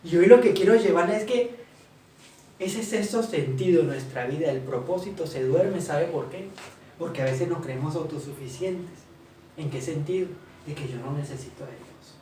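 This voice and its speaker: A man's voice: on the high side, normal speed, dark tone, a little hiss or hum. A man preaching a sermon, asking questions and answering them himself. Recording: roomy hall, voice from far off, faint ambience.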